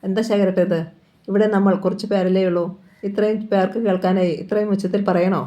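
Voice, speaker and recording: A woman's voice: medium pitch, flat delivery, fairly quick, dark tone, natural voice. A woman reading the part of an arrogant male chief minister, smug and threatening, in a storybook reading. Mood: menacing.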